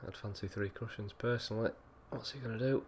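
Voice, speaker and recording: Low-voiced pool commentator. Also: male voice, steady tone, quick pace, slight background noise. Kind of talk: casual live commentary. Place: pool hall commentary spot.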